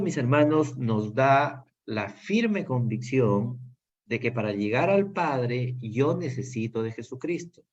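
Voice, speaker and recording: A man's voice: medium pitch, darkish tone, breathy edge. A man with a Peruvian Spanish accent teaching a Bible class, earnest and full of fillers and restarts. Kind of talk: Bible study lesson. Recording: dull lo-fi sound.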